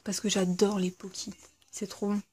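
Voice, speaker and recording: A woman's voice: medium pitch, flat delivery, normal speed, darkish tone, a little hiss or hum. A woman chatting casually through an unboxing video, hesitant, with lots of fillers and self-corrections. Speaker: YouTuber reviewing a subscription box.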